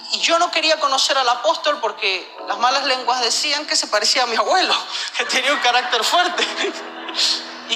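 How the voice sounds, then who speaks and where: A man from Venezuela, giving a personal religious testimony in an earnest, halting way, often repeating words. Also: extremely high pitch, pushed and bright, long reverb tail.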